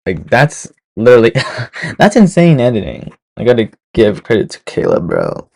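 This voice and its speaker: A young man chatting loosely as he reacts to a video, his pitch jumping up and down a lot. He rambles, trails off, and restarts his sentences, with plenty of fillers. His tone is easygoing and unscripted. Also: huge pitch swings, normal speed, gravelly, a little mellow. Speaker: reaction streamer. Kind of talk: casual reaction commentary.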